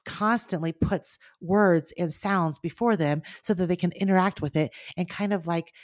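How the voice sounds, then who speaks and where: Co-hosting a relaxed faith podcast, a woman in her thirties whose first language is Mandarin speaks with earnest animation at a normal speed, though she rushes ahead in bursts. Her pitch is on the low side, and the studio sound is clean with no room noise.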